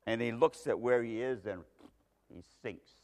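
In a medium-pitched, darkish voice at a moderate pace, a male pastor preaches to a congregation. He narrates the story dramatically with strong emphasis, and the recording has long hall reverb.

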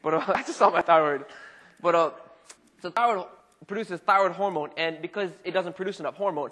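A young man gives a relaxed, talky sermon, peppered with fillers like "you know" and "like." His voice sits a little high for a man. It rings out with the long reverb of a church hall. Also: fairly quick. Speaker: pastor. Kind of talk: casual conversational sermon.

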